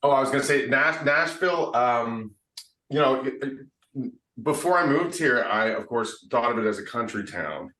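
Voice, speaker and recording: A man from Canada, a singer-songwriter guest, talking in a thoughtful, unhurried way with frequent pauses and restarts. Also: mid-range voice, lively intonation, sharp tone. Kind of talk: casual interview chat. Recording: roomy, distant from the mic.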